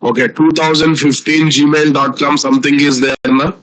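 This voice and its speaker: A man's voice: on the high side, flat delivery, normal speed, a bit bright, low-quality recording. A man with an Indian Telugu accent giving a live online programming lecture as a teacher, repeating phrases and often checking with students through questions.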